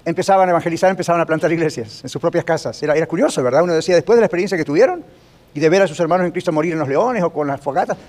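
Man, pastor, brisk sermon-style teaching, higher-pitched voice, keeps asking the room questions. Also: darkish tone. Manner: rapid, conversational, asks the audience questions often. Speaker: pastor teaching a church class. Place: large rented gym used for church meetings.

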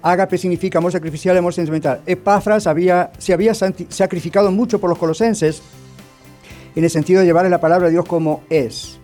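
A male pastor preaching a sermon with a mellow, warm tone and a somewhat high voice. He speaks emphatically and keeps checking in with his listeners. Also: steady tone, fast talker, faint music behind. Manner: emphatic, asks the congregation questions.

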